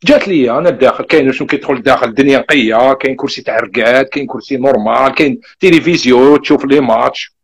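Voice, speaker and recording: A young man with an Algerian Arabic accent, telling his own migration story in a casual, animated way and acting out the back-and-forth. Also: medium pitch, breathy edge. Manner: animated, rapid retelling with quoted back-and-forth.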